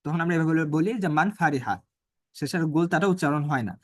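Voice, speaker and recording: Male Arabic teacher, high voice, dry close sound, repeats points and reads phrases slowly. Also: no echo. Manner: repeats phrases and asks rhetorical questions. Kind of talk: online Arabic grammar class.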